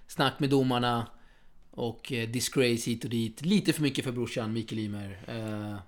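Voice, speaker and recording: A man hosting a casual tennis podcast in a chatty way, with quick asides and frequent fillers. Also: mid-range voice. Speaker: podcast host.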